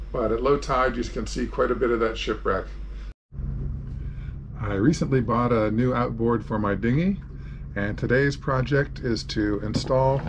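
With a mid-range voice and a bit of hiss or hum on the recording, this man in his sixties hosts a sailing vlog. He gives a plain-spoken, casual narration of a travel tour and how-to, explaining each step in turn.

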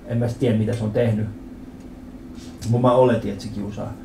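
A man in his thirties doing a stand-up comedy set in a club, telling stories with animated acted-out voices and lots of swearing. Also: on the low side, background noise. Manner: animated storytelling, acts out quoted voices, swears freely. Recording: roomy club with audience laughter.

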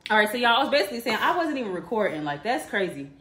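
Bright-voiced chatty woman vlogging. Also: a little high, big pitch swings, racing, slightly rough. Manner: chatty, keeps addressing viewers as y'all. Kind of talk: casual cooking vlog.

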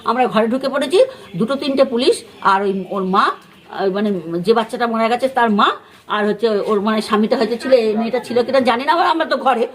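Brief: high-pitched West Bengali woman, neighbour eyewitness, rambling retelling with acted-out quotes. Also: a little fast. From West Bengal, India. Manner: rambling retelling with many fillers and restarts; acts out others' words in quoted speech. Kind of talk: on-the-spot news interview.

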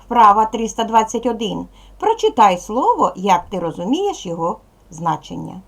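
A woman teaching a primary school class in a recorded video lesson, speaking clearly and patiently straight to the pupils. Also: mid-range voice, big pitch swings, normal speed.

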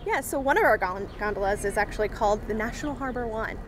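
A woman's voice: medium pitch, fast. A young woman, a marketing director, answers interview questions outdoors on a waterfront plaza in an upbeat, promotional way with frequent ums. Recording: outdoor noise behind the voice.

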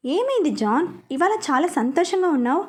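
A worried young husband in a storybook romance, fretting and teasing his wife in turns, as a woman reads his lines. The voice sits high and light. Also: very animated, normal speed. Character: young husband, a mafia man in love.

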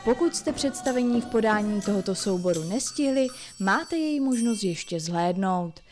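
A woman's voice: mid-range voice, expressive, a little mellow, soft background music. A woman reporter reading scripted narration for a regional television news report.

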